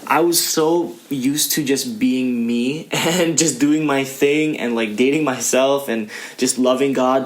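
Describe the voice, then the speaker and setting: Earnest young man with a preachy lilt. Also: mid-range voice. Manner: earnest, preachy, repeats words. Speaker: co-host of a couple's channel. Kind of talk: casual testimony chat.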